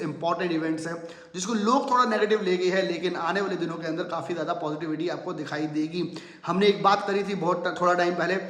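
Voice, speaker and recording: A man's voice: high voice, a bit bright. A man hosting a market commentary channel, talking viewers through the news in a persuasive, promotional way and slipping in English phrases, recorded in a bare room with heavy echo. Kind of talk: casual market explainer to viewers. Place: room with almost no furniture. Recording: echoey sparsely furnished room.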